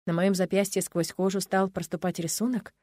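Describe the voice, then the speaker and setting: Expressive woman narrating a fantasy romance. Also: mid-range voice, a little fast, no echo. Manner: expressive storytelling. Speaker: audiobook narrator.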